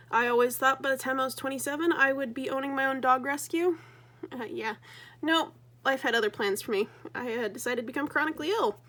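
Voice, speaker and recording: Hesitant young woman chatting, slightly high voice. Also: a bit bright. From Colorado, USA. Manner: hesitant, filler-heavy, self-conscious. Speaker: crafting vlogger. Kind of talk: casual chat while crafting.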